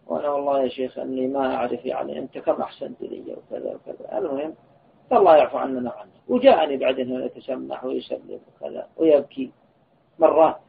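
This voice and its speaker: A man's voice: medium pitch, vocal fry. A man, an Islamic scholar, giving an earnest religious lesson and telling a personal story of admonition. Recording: tinny lo-fi phone-like recording, faint hiss.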